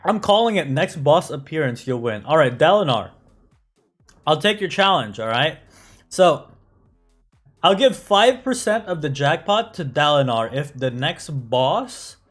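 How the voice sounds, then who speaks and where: A man's voice: fairly high pitch, animated, unhurried, a bit bright, soft background music. A man who grew up in the United States, chatting casually on a game live stream, answering chat with lots of fillers and "right?" tags.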